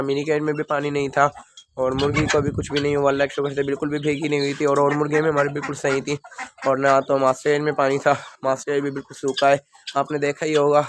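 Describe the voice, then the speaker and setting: A little hiss or hum sits under this young man's high-side voice as he feeds his birds on an outdoor rooftop and rambles plainly to viewers, feverish and unwell. He speaks with a Pakistani Urdu accent, and chickens and birds cluck around him.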